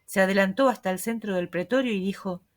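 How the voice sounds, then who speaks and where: A woman narrating a classic mystery novel as an audiobook, in a measured storytelling manner. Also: medium pitch.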